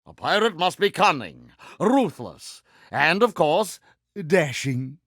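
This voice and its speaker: A vain, villainous pirate captain for a video game. The voice is pitched high and swoops dramatically through grandiloquent phrases, drawn out at an unhurried pace with theatrical pomposity. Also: male voice, big pitch swings, a bit bright, no room sound, studio quality, full character voice. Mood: smug, courtly. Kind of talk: video game character voice lines.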